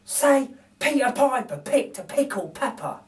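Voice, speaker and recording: A man's voice: extremely high pitch, very animated, a little slow, voice pushed up, heavily acted. A man voicing a cheeky, good-natured working-class burglar in a storybook, with emphatic, colloquial speech. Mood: coaxing. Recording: distant microphone.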